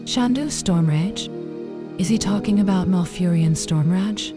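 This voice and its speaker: A woman's voice: fairly low pitch, measured pace, close to an everyday voice. A woman playing a naive, inquisitive young night elf druid in a fantasy role-play. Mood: curious, innocent. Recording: new-age music behind.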